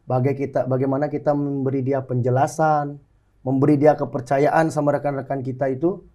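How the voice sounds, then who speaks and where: Speaking a little quickly in a warm, mid-range voice with flat delivery, a soldier and pencak silat athlete from Bali, in his twenties, answers an interviewer. He is earnest and polite, frequently adding "Kak" when addressing the host.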